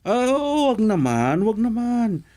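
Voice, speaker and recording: An actor playing a pushy, smooth-talking young suitor in a radio drama. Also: male voice, a little high, lively intonation, a little slow. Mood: defensive.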